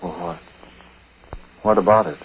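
An actor playing a troubled, uneasy husband who narrates in a hesitant, conversational way in a 1940s radio drama. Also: male voice, fairly low pitch, big pitch swings, a little slow, vocal fry, slightly rough, exaggerated voice. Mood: anxious, gentle. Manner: hesitant, conversational, breaking off and repeating words. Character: troubled husband, uneasy, recounting his own story. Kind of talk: 1940s radio acting, first-person confessional narration. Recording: muffled, noisy 1940s radio recording.

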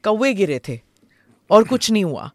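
A woman's voice: mid-range voice, big pitch swings, very fast, darkish tone, no echo, clean studio sound. A woman with an Indian accent hosting a conversational interview, moving between English and Hindi.

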